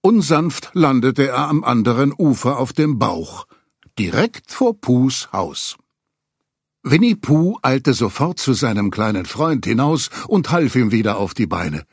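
Husky man reading a children's story. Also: mid-range voice, unhurried, no echo, studio quality. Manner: expressive storytelling. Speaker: narrator.

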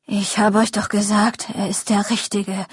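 A woman's voice: medium pitch, little pitch movement, measured pace, slightly rough, dry recording, clean studio sound. Sex: male figure read by a woman. Figure: guilty neighbor. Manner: defensive, apologetic.

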